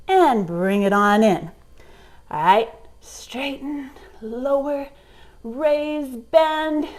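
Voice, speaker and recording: Young woman fitness instructor, high voice, cueing reps and getting a bit breathless. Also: a little mellow. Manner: encouraging, coaching while exercising. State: out of breath at times. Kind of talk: workout instruction with cues.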